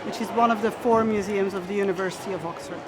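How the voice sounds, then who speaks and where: A woman who directs a museum, explaining its aims in a measured, formal way in a documentary interview. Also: mid-range voice, fairly even intonation, noisy background.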